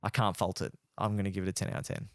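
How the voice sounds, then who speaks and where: A man co-hosting a casual gaming podcast, enthusiastic and quick to laugh. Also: low-pitched, little pitch movement, fairly bright tone, dry recording, clean studio sound. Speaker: podcast co-host.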